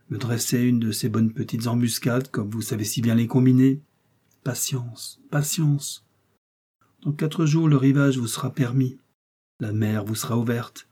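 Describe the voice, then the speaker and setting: A man's voice: medium pitch, mellow, breathy edge. A man reading aloud and voicing a scornful English nobleman who mocks and threatens his prisoner. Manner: sneering, mocking.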